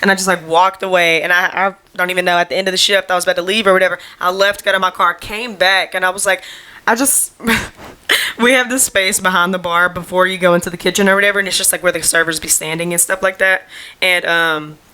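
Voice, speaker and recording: A young woman talks straight to her camera at home, rambling from one thought to the next. Her voice sits a little low but has a bright, forward edge, and her speech is loose, slangy and full of fillers. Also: fairly even intonation, fast, smooth. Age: young adult. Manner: rambling and chatty, heavy on "like" and slang. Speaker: podcast host. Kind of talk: casual solo podcast chat.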